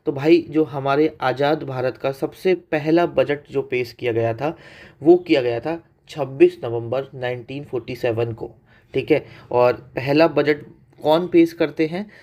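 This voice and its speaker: A man with a medium-pitched, darkish voice gives an exam-prep economics lecture at a measured pace. He questions his students and repeats key facts, explaining in Hindi mixed with English terms.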